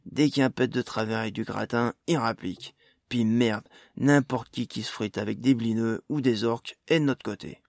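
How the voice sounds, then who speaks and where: Man voicing a gruff dwarf gang boss, hard, curt, gravelly, dry close sound, storybook. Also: mid-range voice, steady tone, normal speed, darkish tone, no echo, lightly acted. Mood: hard hostile. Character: young male dwarf gang leader, harsh and hostile. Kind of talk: audiobook character voice.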